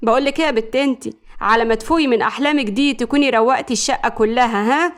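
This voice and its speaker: A woman's voice: on the high side, fast, lightly acted. A woman voicing a sarcastic, scolding middle-aged Egyptian mother. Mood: mocking. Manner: mocking, scolding.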